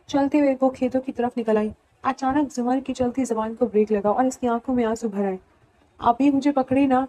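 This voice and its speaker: A woman narrating a romantic novel as an audiobook, in steady storytelling. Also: a little high, low-quality recording. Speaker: novel reader.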